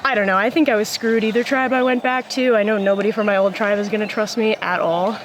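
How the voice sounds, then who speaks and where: A young woman speaks in a casual confessional after a challenge. She is out of breath and rambles with lots of fillers. Her voice sits at a middle pitch, and loud outdoor noise comes through behind her. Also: steady tone, quick pace. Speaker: contestant. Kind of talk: confessional interview. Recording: noisy outdoor recording.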